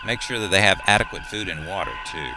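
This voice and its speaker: A man playing a calm, commanding starship captain in an audio drama, measured and authoritative. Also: low voice, noisy background. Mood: brisk, commanding.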